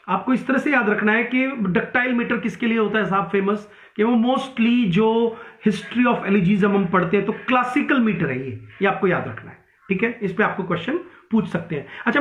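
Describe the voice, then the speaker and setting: A high-voiced male teacher lectures for exam preparation, his talk full of fillers and restarts. The sound is thin and phone-like, and the room adds a noticeable echo. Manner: mixes Hindi and English, many fillers and restarts. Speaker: English literature teacher. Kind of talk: online exam-prep lecture. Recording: tinny echoey room sound.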